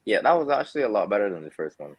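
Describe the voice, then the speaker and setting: A man appearing as a guest videographer in a casual video-call chat, easygoing and quick to laugh. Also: fairly low pitch, very animated.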